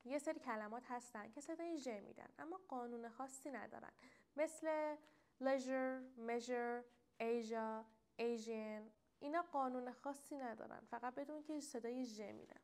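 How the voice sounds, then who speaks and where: A young woman teaching a casual video lesson, speaking straight to the viewer and slowly drawing out example words. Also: high-pitched, gravelly. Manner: addresses viewer directly, drawn-out example words. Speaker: English teacher.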